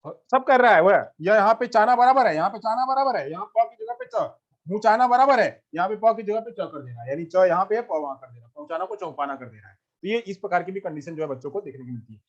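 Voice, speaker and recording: A fast-talking man with a high, expressive voice gives an exam-prep lecture, captured on a dull lo-fi recording. As a teacher he's repetitive, posing questions and then answering them himself.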